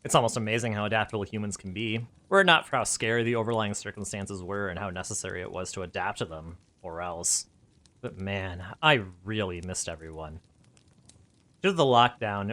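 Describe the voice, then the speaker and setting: A man reading his own story aloud in an animated way, laughing at his own asides. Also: on the low side, a little fast.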